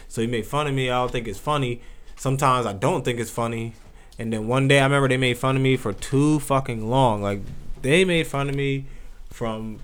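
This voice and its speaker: A man's voice: mid-range voice, a bit bright. A man casually telling comic stories in slangy, sweary speech, repeating himself for emphasis. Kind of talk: casual comedic storytelling.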